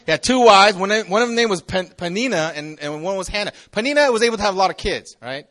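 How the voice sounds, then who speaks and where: His voice high, sharp, animated and fast, a campus pastor in his forties jokes his way through an informal youth sermon for a live audience, chatting and restarting often.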